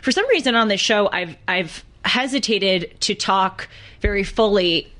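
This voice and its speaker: A woman co-hosting a podcast, telling a story in an earnest, halting way. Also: mid-range voice, a bit bright. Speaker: podcast co-host. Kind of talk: casual podcast conversation.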